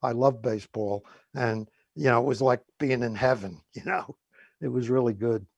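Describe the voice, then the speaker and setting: A gravelly, husky mid-range voice at a moderate pace comes from this older man from Woodhaven, Queens, 70 or older. He chats as a radio co-host with a New York accent, reminiscing in a rambling, hesitant manner. The lo-fi recording has no echo.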